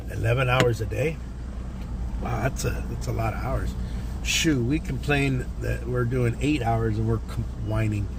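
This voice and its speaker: A man's voice: mid-range voice, vocal fry. A man vlogging to livestream viewers while driving, rambling and greeting chat viewers by name. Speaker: vlogger, teacher. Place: inside a car. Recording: car interior with road noise. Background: car and traffic noise.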